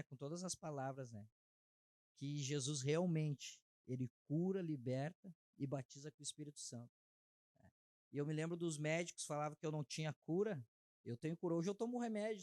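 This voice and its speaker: A man's voice: on the high side, warm tone, no echo. Heartfelt man. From Brazil. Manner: heartfelt, halting, frequent filler tags. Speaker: interview guest sharing testimony. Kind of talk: emotional personal testimony.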